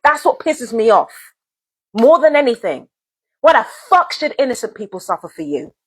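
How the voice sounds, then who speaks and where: A woman's voice: fairly high pitch, big pitch swings, moderate pace, slightly rough. A woman vlogger delivering a heated, profane rant straight to her viewers, repeating herself and swearing often. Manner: angry, profane, repetitive. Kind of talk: heated direct-to-camera rant.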